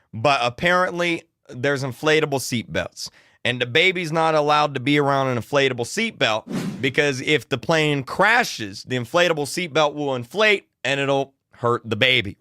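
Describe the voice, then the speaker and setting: A man telling a story in an animated, casual way, excitable and slangy with lots of restarts. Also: medium pitch, no room sound, studio quality.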